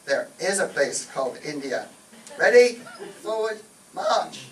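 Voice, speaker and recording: Blustering shady military major played by a man, high-pitched, distant roomy stage recording, radio comedy. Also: big pitch swings, measured pace. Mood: commanding. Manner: pompous, blustering. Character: Major Bloodnok, pompous male British military officer, shady and blustering.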